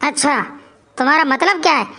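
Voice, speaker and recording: A woman's voice: high-pitched, a little fast, pushed and bright. A woman voicing a bossy, demanding wife who scolds her husband in a cartoon. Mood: scolding.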